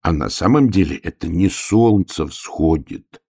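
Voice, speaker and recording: A man doing a slow, self-important bear cub. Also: sits low, expressive, gravelly, darkish tone, husky, no echo, clean studio sound, heavily acted. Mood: knowing. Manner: slow, knowing, a little pompous.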